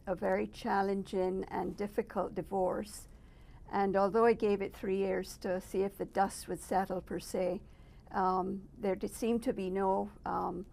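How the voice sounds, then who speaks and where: A middle-aged woman from Barbados, a guest telling her life story in an interview, thoughtful and measured with frequent pauses. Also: mid-range voice, creaky, a little mellow. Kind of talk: personal testimony interview. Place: residence.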